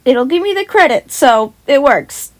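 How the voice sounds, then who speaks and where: With a high-pitched voice and lively intonation, a young podfic reader and channel host chats casually before narrating a story at a measured pace. Her reading is amateur and informal, and she sometimes trips on words and fixes them.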